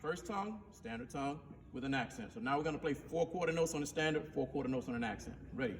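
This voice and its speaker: A man's voice: on the high side, animated, fast talker, soft background music. A man who is a band director, teaching a rehearsal and counting in his players, singing syllables to show how a note should sound. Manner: instructive, counts players in, sings syllables to demonstrate. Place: school band room. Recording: distant, reverberant room recording with faint noise.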